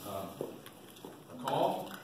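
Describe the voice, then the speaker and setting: A man's voice: medium pitch, very animated, extremely slow. A man presenting an informal how-to seminar to a group, plain-spoken and folksy, repeating his points for emphasis. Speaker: seminar presenter, experienced waterfowl hunter. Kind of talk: informal instructional talk to a group. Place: indoor seminar at a museum. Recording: roomy, distant mic with faint noise.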